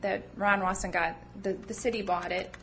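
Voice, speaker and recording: A woman's voice: mid-range voice, steady tone, normal speed, fairly bright tone. A woman at a council meeting adding facts and correcting herself as she goes. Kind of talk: informal talk at a public meeting.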